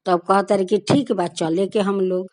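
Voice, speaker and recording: A woman's voice: medium pitch, steady tone, moderate pace, a little mellow. A woman with a Bhojpuri accent narrating a devotional folk tale in a sing-song storytelling way, voicing the characters' prayers herself.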